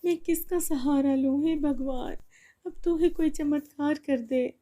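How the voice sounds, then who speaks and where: Storybook mother, caring and anxious, soothing tone, mellow voice, as a woman puts her on. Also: high voice, measured pace, voice pushed up. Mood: despairing. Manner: soothing, pleading. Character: worried, loving widowed mother.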